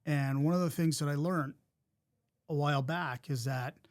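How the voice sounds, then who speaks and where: A man's voice: on the high side, moderate pace. A man hosting a podcast, talking in an encouraging, reflective way with frequent restarts. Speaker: podcast host. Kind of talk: casual interview talk.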